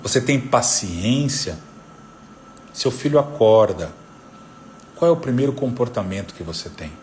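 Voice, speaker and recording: A man's voice: mid-range voice, a little slow, a little hiss or hum. A man, a psychoanalyst, giving a live talk on parenting, teaching by repeating the key figures. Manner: didactic, repeats figures, lively intonation.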